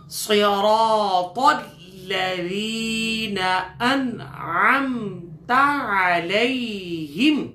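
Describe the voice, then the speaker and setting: A male teacher guides a recitation lesson in a roomy, echoing space. He stretches every chanted word long and slow, then shifts into quick, patient explanation. He asks the listener questions and answers them himself. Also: sits high, pushed and bright. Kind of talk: recitation lesson with call-and-repeat.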